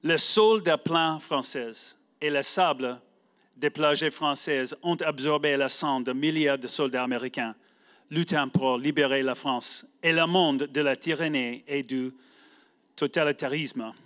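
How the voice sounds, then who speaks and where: A man from the United States, a native English speaker, giving a prepared talk in halting French with an American accent. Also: on the high side, steady tone, fairly bright tone. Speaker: guest speaker. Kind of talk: prepared speech read aloud.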